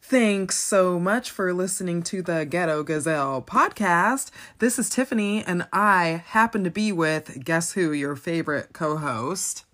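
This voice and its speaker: A woman's voice: on the low side, a little slow, few pauses. A woman in her thirties hosting a podcast, chatting casually and telling stories with lots of laughs. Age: 30s. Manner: giggly, rambling, animated storytelling. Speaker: podcast host. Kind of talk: casual chat.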